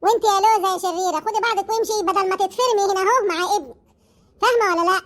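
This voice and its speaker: Comic Egyptian village bruiser, put on by a woman, menacing, high-pitched, fast. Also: a bit bright. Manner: gloating, menacing. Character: rough scheming village man, mocking.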